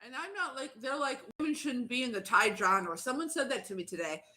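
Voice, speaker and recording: A woman's voice: a little high, expressive, a little fast, pushed and bright. A woman livestreaming as a YouTuber, chatting in a blunt, profane, fired-up rant while eating. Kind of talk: casual ranting livestream chat.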